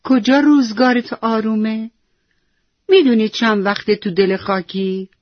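A woman's voice: a little high, no echo, highs cut off, close to an everyday voice. A woman voicing the sun in the sky, teasing and urging a lazy seed to wake up and sprout. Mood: coaxing. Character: warm sun in the sky, cheerful, coaxing, persistent.

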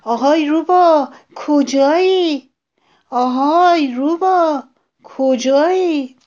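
A woman voicing a frightened male jackal in a children's storybook, shouting and breathless with urgency. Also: medium pitch, expressive, highs cut off, close to an everyday voice. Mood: calling out.

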